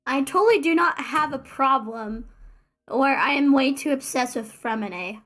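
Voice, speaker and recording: A VTuber streamer plays a game live, chatting casually in a high, expressive, slightly bright voice at normal speed. She rambles, jokes, and pokes fun at herself, with slight background noise in the recording.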